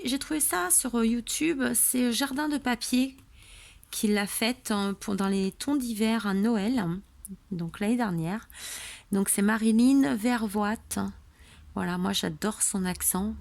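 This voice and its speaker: Filmed on a tripod-mounted camera, a woman chats through a home papercraft tutorial in a sleepy, weary, meandering way, full of fillers. Her voice is fairly high, creaky, and somewhat dark.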